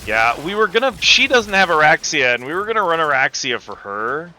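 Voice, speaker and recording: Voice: medium pitch, big pitch swings, brisk, sharp tone, slight background noise, poor audio. A livestream host chatting casually and effusively with viewers while playing a video game. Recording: game music behind the voice. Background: video game music.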